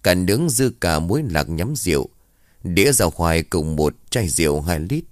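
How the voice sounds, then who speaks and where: A man narrating a rural ghost story in a steady, even storytelling manner. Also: low voice, normal speed, dry recording, clean studio sound.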